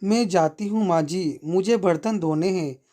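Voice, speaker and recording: A man voicing a patient, dutiful young daughter-in-law who answers calmly in a story reading. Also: high-pitched, measured pace. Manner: calm, soft-spoken.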